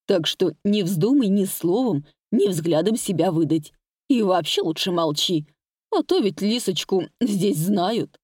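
A woman voicing a grumpy, suspicious old woman tavern keeper who talks in a gruff, scolding way. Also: medium pitch, expressive, unhurried, darkish tone, dry recording, clean studio sound. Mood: stern.

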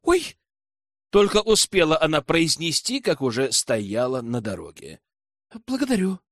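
Lively, expressive male audiobook narrator. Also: mid-range voice, normal speed, dry recording, studio quality. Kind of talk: scripted narration.

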